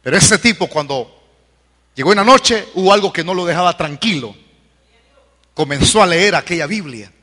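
Fervent high-voiced preacher. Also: male voice, animated, normal speed, pauses often, big-room sound. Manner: fervent, swings to shouted peaks, repeats calls to convert. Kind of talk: evangelical sermon.

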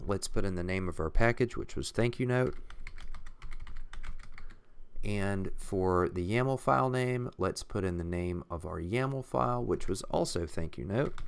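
A man narrates a software walkthrough in a calm, methodical way, explaining each click as he goes. His voice sits on the low side and sounds smooth and clear. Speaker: software tutorial instructor. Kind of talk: screen-recorded software walkthrough. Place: at a computer, voice-over on screen recording.

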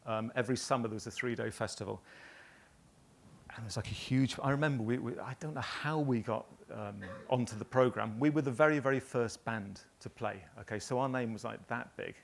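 A man in his fifties from northern England, a graphic designer telling rambling stories with many pauses to a live audience. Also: medium pitch, creaky, slight background noise. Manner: rambling anecdotal storytelling with many ums. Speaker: graphic designer giving a talk.

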